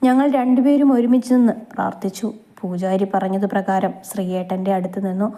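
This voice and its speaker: Soft-spoken woman reading a story. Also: mid-range voice. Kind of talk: reading a romantic story aloud.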